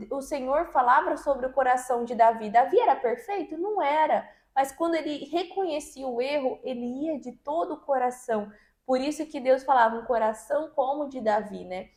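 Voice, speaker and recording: A woman talking through a Bible passage in a relaxed, conversational way. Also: sits high, moderate pace, reverberant. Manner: conversational, finishes her co-host's sentences. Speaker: co-host of a Bible reading podcast. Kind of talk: casual Bible commentary.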